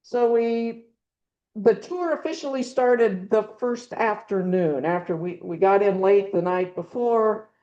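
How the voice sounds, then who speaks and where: Here a middle-aged woman talks a little slowly in a warm, mid-range voice while showing slides to a birding club. Her delivery is loose and rambling, full of ums and false starts. She uses a handheld or clip mic on a dying battery in a meeting room with a small audience, and the high frequencies are lost.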